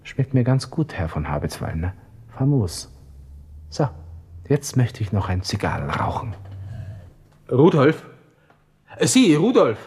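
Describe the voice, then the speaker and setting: A man's voice: medium pitch, huge pitch swings, takes it slowly, long pauses, darkish tone, slightly rough, full character voice. An actor playing a hot-headed, self-absorbed young Austrian army lieutenant with a Viennese accent, muttering his thoughts in a radio drama. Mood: giddy. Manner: agitated muttering to himself, switching to feigned casualness. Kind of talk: radio drama interior monologue.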